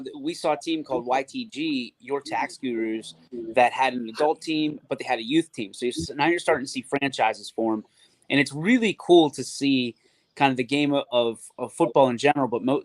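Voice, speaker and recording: A man joining a sports radio show as a guest, talking casually with animated, rambling storytelling. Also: medium pitch, dry recording.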